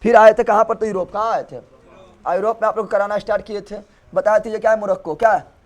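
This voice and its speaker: A man's voice: high-pitched, steady tone, fast. A middle-aged man teaching a general-knowledge revision class, asking questions and chanting the answers over and over. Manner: asks and repeats answers in chants. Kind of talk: call-and-response revision lesson.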